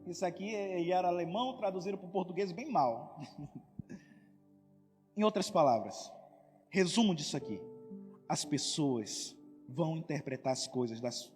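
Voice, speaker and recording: A man's voice: high-pitched, big-room sound. A man preaching as a pastor, talking conversationally, repeating key phrases and acting out little everyday exchanges. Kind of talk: sermon.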